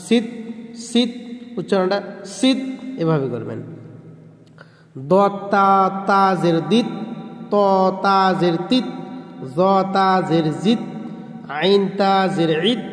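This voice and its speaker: Slow chanting man in an echoey room. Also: high-pitched. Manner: slow rhythmic chanting drills. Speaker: Quran reading teacher. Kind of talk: drilling letter pronunciation. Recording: echoey room with long reverb.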